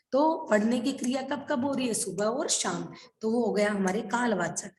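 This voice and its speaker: Woman teacher, kinda high voice, quizzing and answering herself, echoey room, bit of noise. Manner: asks questions and answers them herself. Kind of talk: online class lesson. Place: room, online class.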